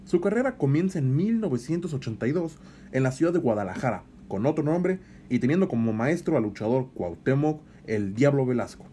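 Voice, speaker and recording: Male narrator for wrestling profiles, animated intonation, soft dark tone, faint noise. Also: medium pitch, brisk. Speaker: co-host of a lucha libre show. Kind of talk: scripted biographical narration.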